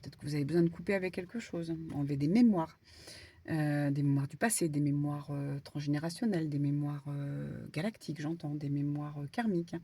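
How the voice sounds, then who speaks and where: A woman medium giving a casual spiritual card reading, talking in an animated, stumbling way with many fillers. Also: sits low, breathy edge. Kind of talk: spiritual guidance talk, casual.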